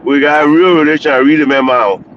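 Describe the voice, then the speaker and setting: A man's voice: a little high, quick pace. Man on a car speakerphone. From Liberia. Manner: blunt, critical, candid. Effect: calling in on a car speakerphone while driving. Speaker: caller commenting on the news. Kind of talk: casual radio call-in commentary. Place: inside a moving car. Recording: muffled lo-fi phone line with faint road noise.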